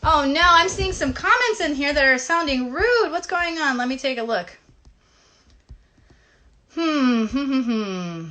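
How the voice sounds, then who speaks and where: Speaking a little slowly with long pauses, this woman has a high, expressive voice and a sharp tone. As host of a children's live show, she guides kids directly through an interactive play session, encouraging them as she teaches and sings a hand game. Clicks and noise run through the live stream recording.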